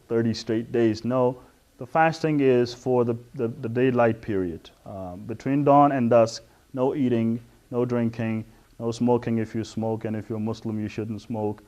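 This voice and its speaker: A middle-aged man from West Africa giving an earnest introductory talk on religion, explaining step by step with frequent pauses and restarts. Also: medium pitch, a little mellow. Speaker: Islamic lecturer.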